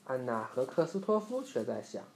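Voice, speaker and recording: A man's voice: medium pitch, moderate pace, vocal fry, a little hiss or hum. Man reading a bedtime story. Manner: gentle, steady read-aloud narration. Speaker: parent reading to a child. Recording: roomy echo.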